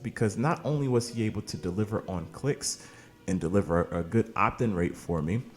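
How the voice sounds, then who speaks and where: A man's voice: lowish voice, darkish tone. A man who hosts an online marketing channel, talking casually and pushing offers with hyped, salesy energy, tired from recording late at night. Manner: hyped, salesy, addresses viewers as "baby" and "man". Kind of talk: casual promotional talk to camera.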